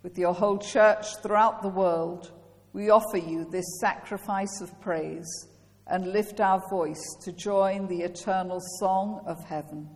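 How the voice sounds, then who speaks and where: Woman priest, unhurried solemn liturgy, long cathedral echo in a large church. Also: medium pitch, steady tone, darkish tone. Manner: measured, solemn intoning. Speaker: priest leading communion. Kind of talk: reciting a liturgical prayer.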